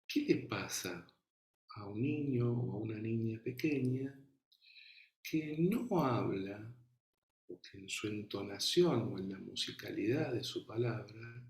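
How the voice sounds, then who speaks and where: A man with an Argentine Rioplatense accent giving an online class lecture, speaking slowly and thoughtfully with frequent fillers. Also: on the low side, creaky, reverberant. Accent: Argentine Rioplatense Spanish.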